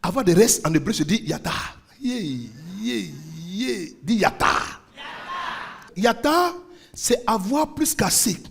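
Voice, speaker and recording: A man's voice: high voice, very animated, slow pace, vocal fry. A man preaching a sermon as pastor, with fervent call-and-response and rhythmic repeated refrains. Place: church service.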